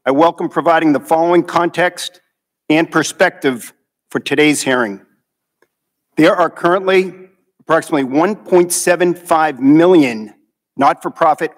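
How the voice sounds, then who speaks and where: Formal man in a reverberant hearing room. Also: fairly high pitch. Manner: formal, reads figures carefully. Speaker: witness. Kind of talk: prepared statement. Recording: hall reverb.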